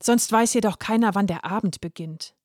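A woman reading a storybook, voicing a small, touchy male night watchman in a high, strained, defensive voice. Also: normal speed, a little mellow, dry recording, clean studio sound, close to an everyday voice.

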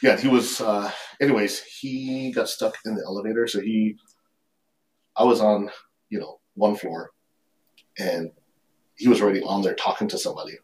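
A man's voice: fairly low pitch, steady tone, normal speed, long pauses, darkish tone. A man, a coach and podcast guest, telling a self-assured story in casual chat. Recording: distant mic with faint noise.

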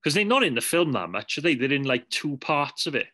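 A man's voice: fairly high pitch, sing-song, brisk, bright, forceful tone. A man co-hosting a casual film-review podcast, wry and teasing. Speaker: podcast co-host.

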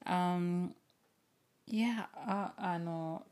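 Speaking very slowly in a lowish, darkish voice, a woman who works as an online teacher and video host rambles casually and unscripted to the camera. She alternates between two languages, saying things again in each, and laughs softly from time to time.

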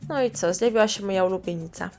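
Woman, memoir narration, chatty, sarcastic asides, medium pitch, faint background music. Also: quick pace, dark tone. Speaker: storyteller. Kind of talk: reading her own memoir.

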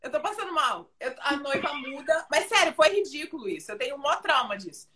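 A woman's voice: sits high, fairly quick, over a noisy crowd. A woman, a makeup artist telling stories with dramatic flair in casual podcast chat. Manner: animated storyteller, dramatic and laughing.

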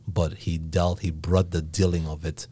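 Deep, mellow-voiced Nigerian man. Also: little pitch movement, normal speed, slightly rough. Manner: reflective, teaching, often ends with "right?". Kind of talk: casual faith discussion.

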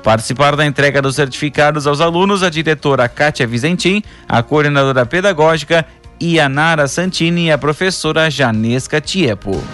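A man reads scripted local news as a presenter, in a formal announcer's delivery with measured phrasing. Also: on the high side, fairly bright tone, faint music behind.

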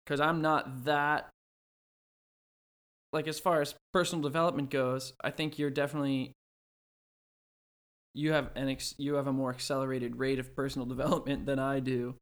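A man's voice: mid-range voice, flat delivery, normal speed, long pauses, fairly bright tone. A man in his early twenties co-hosting a casual podcast, musing aloud with hesitant, self-correcting phrasing. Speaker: podcast co-host. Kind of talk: casual chat.

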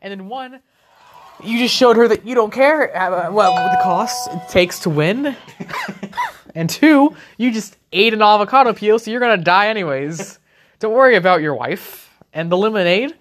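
A man's voice: high-pitched, animated, normal speed, background noise. A young man co-hosting a let's play, rambling through silly jokes and giggling often. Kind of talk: casual gaming chat. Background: video game music.

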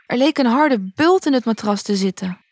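A woman calmly and gently reading a children's bedtime story aloud. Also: on the high side, moderate pace.

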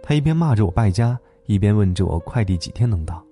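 A man hosting a late-night story program, narrating a gentle tale in a calm, tender way. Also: on the low side, fast talker. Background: soft instrumental music.

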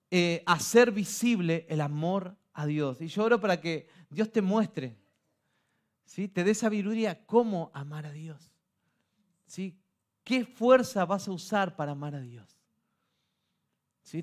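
High-voiced Argentine pastor preaching slowly. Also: male voice. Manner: repeats "¿sí?" to the congregation, restarts phrases. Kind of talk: sermon.

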